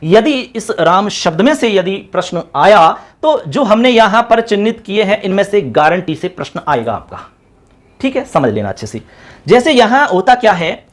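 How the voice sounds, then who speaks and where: A male teacher giving an exam-prep grammar lesson, chanting word forms in quick runs and talking to viewers as friends. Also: high-pitched, very animated. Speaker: Sanskrit teacher.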